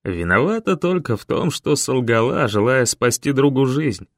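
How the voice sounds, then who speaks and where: A man voicing a calm, stern older leader who speaks in a measured, grave way. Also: medium pitch, no echo, studio quality.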